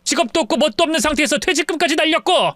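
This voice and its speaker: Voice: high voice, lively intonation, very fast, fairly bright tone, no echo, clean studio sound, pitched above the performer's own voice. A narrator voicing a cold, irritable middle-aged husband who lectures his mother.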